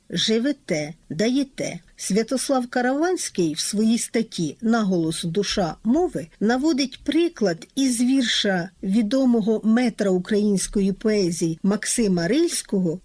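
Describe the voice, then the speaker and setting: A middle-aged woman, a linguist, explaining language rules in a clear, methodical way and listing examples one by one. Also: mid-range voice, dark tone, no echo. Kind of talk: explanatory lecture.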